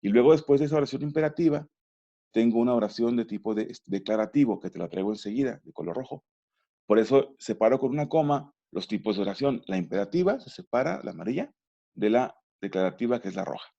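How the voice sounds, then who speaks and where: A man teaching a remote grammar lesson, patient and methodical, pausing to ask if it's clear. His voice is dark and gravelly, heard through a dull, lo-fi recording. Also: medium pitch, lively intonation. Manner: patient, explanatory, often checks understanding.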